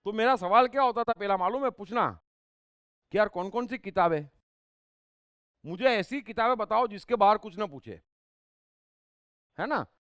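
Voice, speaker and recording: High, animated man giving a spiritual talk. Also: normal speed, long pauses, clean tone, no room sound, clean studio sound. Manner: emphatic, with rhetorical questions. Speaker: spiritual speaker and life coach. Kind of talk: spiritual discourse.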